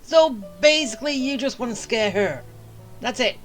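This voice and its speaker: With a mid-range, animated voice at normal speed, this streamer talks to themself during gameplay, casually muttering and rambling as they think things through aloud.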